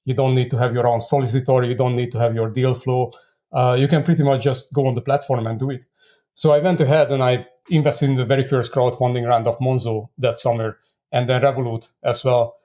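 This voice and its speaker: A man in his thirties from Hungary, a native Hungarian speaker, telling his career story as an interview guest in a measured, reflective way with many fillers. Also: mid-range voice, little pitch movement, dark tone. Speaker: startup co-founder guest. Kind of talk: conversational interview.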